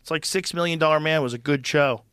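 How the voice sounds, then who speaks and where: A man's voice: on the high side, fast talker, fairly bright tone, smooth, no echo, clean studio sound. A man in casual podcast chat, blunt and profane, talking in strong opinions. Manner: blunt, profane, opinionated, mimics voices for effect.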